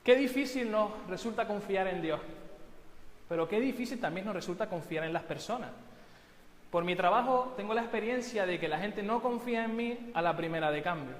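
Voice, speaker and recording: A male pastor preaching a sermon and telling a story with quick joking asides. His voice sits fairly high. A church hall's long reverb trails after him. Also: animated. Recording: echoey church hall.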